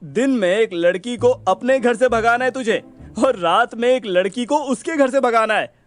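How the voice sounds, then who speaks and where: A man's voice: sits high, moderate pace, soft background music, voice pushed up, lightly acted. A man voicing a cheeky young male friend who talks in brash, slangy, mocking banter.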